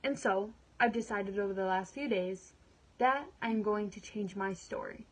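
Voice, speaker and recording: A woman performing a dramatic monologue as a wronged, resolute woman, earnest and emotional, in short emphatic phrases with pauses. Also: mid-range voice, lightly acted, low-quality recording. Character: upset, resolute woman freeing herself from a negative life.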